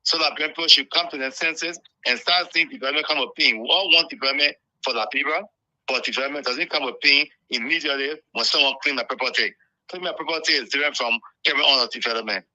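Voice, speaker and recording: Liberian man calling in, bright tinny line. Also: mid-range voice, quick pace. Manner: earnest, repeats himself while making a point. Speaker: caller. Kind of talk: call-in radio talk. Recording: dull lo-fi phone call.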